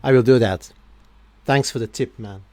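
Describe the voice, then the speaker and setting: A man's voice: mid-range voice, moderate pace, darkish tone, no echo, natural voice. A man playing an easygoing, friendly character in an improvised noir comedy scene. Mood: casual. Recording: faint music behind the voice.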